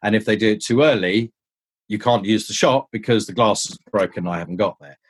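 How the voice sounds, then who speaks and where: Husky man telling stunt stories. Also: brisk. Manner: animated, jumps pitch to act out quoted people. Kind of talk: casual anecdotal storytelling.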